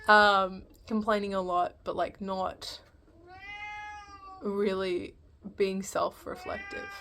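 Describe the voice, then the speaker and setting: A woman's voice: medium pitch, fairly bright tone, a little hiss or hum. A woman giving a casual, unscripted film review, hesitant and rambling as she thinks aloud.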